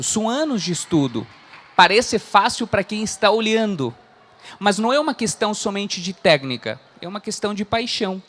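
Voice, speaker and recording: This earnest Chilean coach, in his thirties, delivers a motivational talk in Portuguese to a live audience, leaning often on "né?" and carrying a Chilean Spanish accent. His voice is high-pitched and a bit bright.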